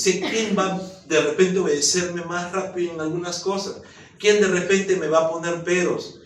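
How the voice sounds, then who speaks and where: A middle-aged man, a pastor, preaching a sermon in a lively, joking way full of rhetorical questions. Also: sits high, slight background noise. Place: church hall. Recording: echoey room, mic at a distance.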